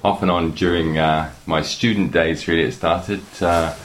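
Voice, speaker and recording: A middle-aged man with a New Zealand accent chats as a guest in a casual interview, hesitant and full of fillers and restarts. His voice is low, his intonation fairly even, and his pace moderate.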